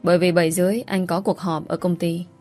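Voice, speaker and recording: A woman voicing a calm, practical young husband. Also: fairly low pitch, fast, faint music behind, natural voice.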